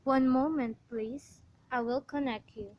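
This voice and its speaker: A woman playing a calm, formal telephone operator who speaks in a detached, measured way in an amateur radio play. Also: high voice, muffled recording, background noise.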